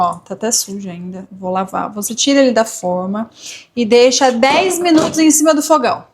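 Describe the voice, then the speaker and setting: A woman chatting casually to camera as a lifestyle vlogger, confiding and talking straight to her viewers. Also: on the high side. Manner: chatty, confiding, often addresses viewers as "gente".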